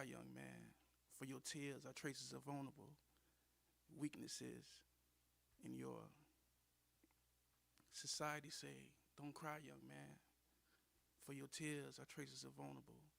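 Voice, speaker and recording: A man performing spoken word poetry in a slow, measured way, repeating lines for weight. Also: medium pitch, vocal fry, a bit bright, no echo.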